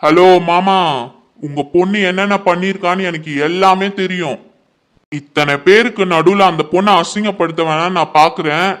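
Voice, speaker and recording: A man's voice: high-pitched, fairly even intonation, normal speed, a bit bright. A man playing a defiant young son. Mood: accusing. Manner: confrontational, scolding. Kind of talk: family drama dialogue.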